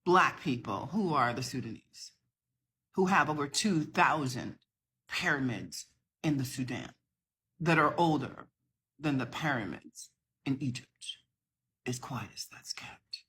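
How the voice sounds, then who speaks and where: A woman's voice: a bass voice, lively intonation, unhurried, fairly bright tone, a little hiss or hum. A middle-aged woman from the southern United States, talking to camera in an impassioned, emphatic rebuttal to another video. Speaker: social media creator.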